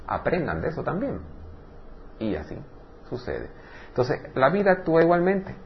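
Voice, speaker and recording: A man teaching a spiritual lecture in an animated way. He keeps throwing rhetorical questions at his listeners and sometimes acts out other voices. The recording is slightly dull, with a faint hiss behind it. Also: on the high side, normal speed, creaky.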